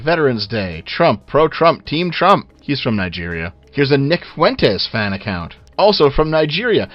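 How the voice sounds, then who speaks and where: This is casual video commentary from a man who is sardonic, blunt and prone to swearing. It's a dry, muffled, low-quality recording with a low sample rate.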